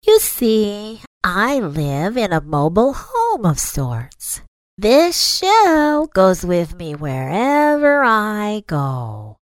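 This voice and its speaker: A man voicing a young female turtle who speaks very slowly, for a storybook. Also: high voice, huge pitch swings, clean tone, no echo, pitched above the performer's own voice, heavily acted. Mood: placid. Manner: very slow, drawn-out speech.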